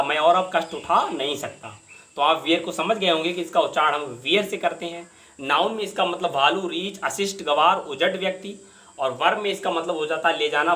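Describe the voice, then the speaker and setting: A man explaining English words and their meanings in a patient lesson, repeating each word slowly. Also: fairly high pitch, sharp tone. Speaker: English vocabulary teacher.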